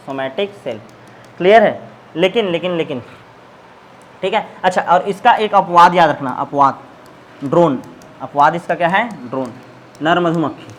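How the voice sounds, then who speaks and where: High-pitched guy teaching biology, keeps asking then answering himself, bit of faint noise. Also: normal speed, pauses often, fairly bright tone. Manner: asks a question then answers it himself, repeating key terms. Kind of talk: classroom lecture with call-and-response questions.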